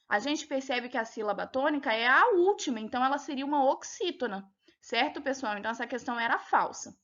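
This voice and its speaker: A Brazilian primary school teacher with a high, bright, forceful voice takes her young pupils through a test answer by answer in a recorded lesson. She explains each step patiently and keeps asking questions to check they're following. The audio is dull and lo-fi.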